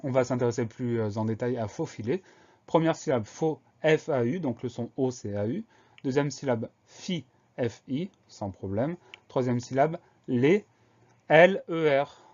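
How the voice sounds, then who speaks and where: A man's voice: mid-range voice, darkish tone, dull audio. A man teaching a spelling lesson, carefully spelling out words letter by letter. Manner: slow, deliberate spelling out of letters.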